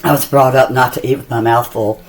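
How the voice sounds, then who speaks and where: A woman's voice: extremely low pitch, steady tone, brisk. A middle-aged woman chatting homely through a cooking demonstration in her home kitchen, tasting as she goes. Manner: chatty and homey, talks while tasting. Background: soft music and kitchen clatter.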